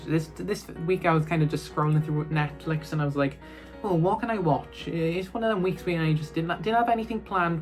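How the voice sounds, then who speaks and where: A man reviewing films in a casual, rambling chat, full of fillers and restarts. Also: on the high side. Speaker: film reviewer.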